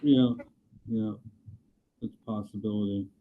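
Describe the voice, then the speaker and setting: A fairly low-voiced man talks plainly and matter-of-factly, pausing now and then as he explains a request. His voice comes through a remote computer call that sounds muffled and underwater, as if heard through a wall. The line is thin and tinny like a phone. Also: fairly even intonation. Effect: muffled, underwater-sounding remote call audio. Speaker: airport staff reporting to a county commission. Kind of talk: meeting business talk.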